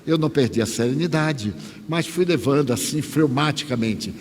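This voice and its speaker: A man from Bahia, giving a spiritist lecture as a lively storyteller who acts out the dialogue. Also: on the high side, moderate pace, husky. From Bahia, Brazil. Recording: echoey hall with faint hiss.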